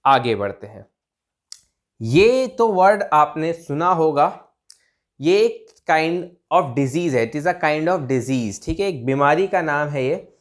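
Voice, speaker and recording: Lively male teacher drilling pronunciation. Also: fairly high pitch. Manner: repeats words slowly, drawn out, checks in with "theek hai?"; writes on a board while talking. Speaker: English teacher. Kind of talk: pronunciation lesson.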